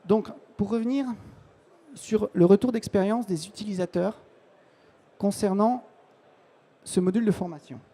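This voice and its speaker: A man's voice: high voice, normal speed, pauses often, dark tone. Man giving a casual trade-show talk. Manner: informal, many restarts and fillers. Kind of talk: live conference presentation.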